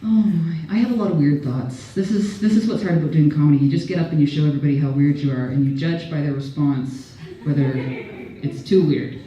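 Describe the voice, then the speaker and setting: Canadian woman rambling thru a standup set, warm low-key voice, far off in a boomy room. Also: fairly quick, heavy reverb. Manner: rambling, self-deprecating, laughs at own jokes. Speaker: stand-up comedian. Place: event venue, audience laughter behind.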